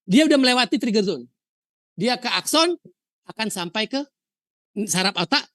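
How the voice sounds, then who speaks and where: A woman from Indonesia teaching a university histology lecture, telling lively stories, asking rhetorical questions and dropping in English terms. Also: on the high side, normal speed, dry recording, studio quality. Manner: mixes English terms into explanation.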